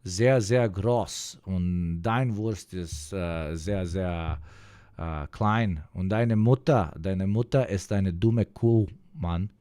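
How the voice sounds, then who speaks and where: Man doing a crude German guy, mock German accent, low and slow, drawling, dry close sound. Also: dark tone, smooth, no echo. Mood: boastful. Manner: slow, heavy, drawling, full of uhs.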